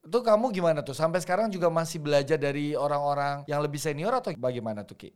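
Male podcast host, casual prompting questioner, somewhat higher voice. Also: animated, quick pace, clean tone. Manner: friendly, prompting, with lots of "hmm" and "ya".

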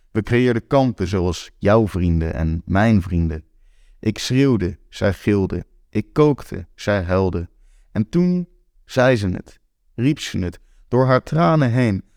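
A man's voice: lowish voice, a little mellow, no echo, clean studio sound. A man in his twenties reading a first-person story aloud, candid and wry. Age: 20s. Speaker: narrator.

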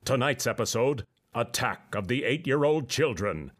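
A man's voice: mid-range voice, expressive, moderate pace, close to an everyday voice. Bombastic man acting as a superhero show announcer, over music. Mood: grandiose. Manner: bombastic, mock-epic. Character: grandiose male superhero cartoon announcer.

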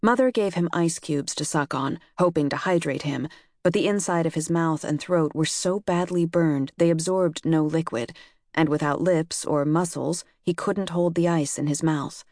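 A woman narrates a memoir in a low, even voice, measured and reflective. She is recorded close to the mic in a dry, dead-quiet space. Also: no room sound. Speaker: audiobook narrator.

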